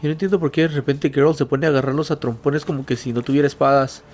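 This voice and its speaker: A man's voice: mid-range voice, steady tone, fast, a little mellow, a little hiss or hum. A man, casually commenting as he plays a game, yelping and swearing when startled. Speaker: let's play host.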